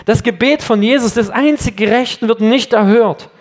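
A man preaching an earnest sermon, speaking emphatically and slowing down for dramatic weight. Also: extremely high pitch.

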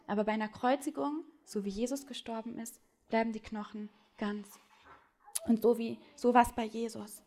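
A woman preaching a sermon, speaking straight to her listeners and swinging between loud urgent appeals and hushed, intimate lines. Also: a little high, fairly even intonation, moderate pace. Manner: addresses listeners directly with questions.

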